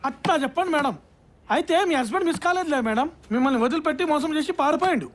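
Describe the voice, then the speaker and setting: An actress playing a brusque police station desk officer who bosses juniors and brushes off complainants. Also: female voice, sits high, animated, fast talker. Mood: dismissive. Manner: brusque, dismissive, bossy with juniors. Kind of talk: dubbed film dialogue.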